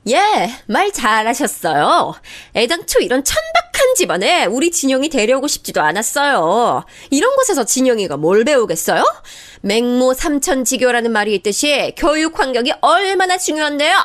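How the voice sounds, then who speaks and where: A woman voicing an arrogant young mother who sneers and shouts at her family in a radio story drama. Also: a little high, expressive, brisk, lightly acted. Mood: scornful.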